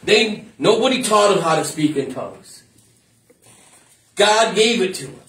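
A man's voice: high-pitched, animated, unhurried, fairly bright tone, recorded from a distance. A man preaching an informal sermon as pastor, repeating phrases and breaking off into asides. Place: church. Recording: echoey room, mic from afar.

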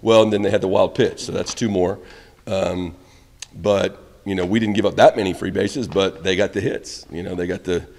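A man's voice: low voice, fairly even intonation, normal speed, creaky, big-room sound. A middle-aged man, a college baseball head coach, answering questions candidly at a postgame press conference, recorded on reporters' mics in a press room. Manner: candid, rambling, trails off quietly at ends of answers. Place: press room in front of a backdrop. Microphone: reporters' phones and handheld mics held close.

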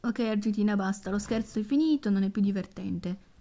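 A woman's voice: medium pitch, fairly quick, mellow, natural voice. A woman voicing a young man, a loyal but disbelieving boyfriend who jokes things off. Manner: disbelieving, joking.

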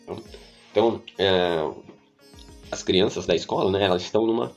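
Patient low-voiced man teaching pronunciation. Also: faint music behind. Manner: patient, repeats words slowly, checks in with "tá?". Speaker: English teacher. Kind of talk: pronunciation lesson.

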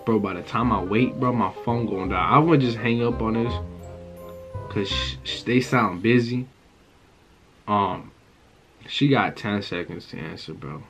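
A man's voice: on the low side, unhurried, gravelly, pauses often, fairly bright tone, faint music behind. A young man chatting casually as a prank-call host, slangy and sweary, calling everyone bro. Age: young adult. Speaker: prank caller and video host. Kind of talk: casual chat. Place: indoors in front of a dark backdrop.

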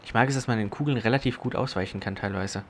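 A young man giving casual, rambling commentary as he plays a video game, talking to himself and breaking into sudden loud exclamations. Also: on the low side, fast talker, a little hiss or hum. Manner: chatty self-talk with sudden loud exclamations. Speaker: let's play host.

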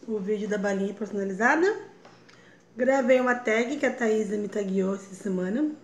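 A woman's voice: fairly high pitch, darkish tone. A young woman and mother chatting casually to her viewers as she narrates her day at home. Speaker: vlogger and mother.

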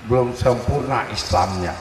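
A man's voice: mid-range voice, normal speed, noisy background. A man preaching at a village gathering, telling a moral story and quizzing the audience with questions. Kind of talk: religious talk at a village gathering. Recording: echoey hall sound from far off.

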